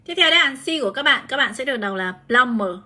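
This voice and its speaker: Woman, English teacher, live online lesson, bright clear tone, fairly high voice, chatty, calls on students by name. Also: expressive, fast. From Vietnam. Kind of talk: live-streamed exam prep lesson.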